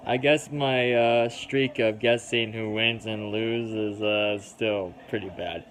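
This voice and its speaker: A man with a Minnesota accent giving chatty, excitable live reaction commentary, swearing casually as he talks. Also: on the low side, background noise. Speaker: wrestling reaction host.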